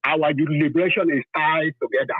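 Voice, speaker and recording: A husky-voiced man from southern Nigeria calls in to a talk show over a tinny, phone-like line with a roomy ring. He speaks with a Nigerian accent, passionately and emphatically, circling back over phrases to stress them. His voice is on the high side and steady, at a moderate pace.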